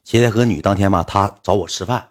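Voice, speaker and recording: Fast-talking husky Northeastern Chinese man. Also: on the low side. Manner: chatty, conversational, addresses the audience. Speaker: livestream storyteller. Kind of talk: casual comic storytelling.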